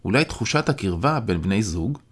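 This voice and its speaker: Man reading a novel in first person, low voice, calm and thoughtful. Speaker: audiobook narrator.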